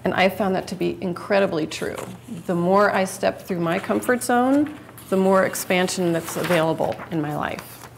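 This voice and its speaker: A woman's voice: lowish voice, moderate pace, gravelly, a little hiss or hum. A woman giving a live public speaking talk to an audience, chatty and conversational, often restarting and correcting herself mid-sentence.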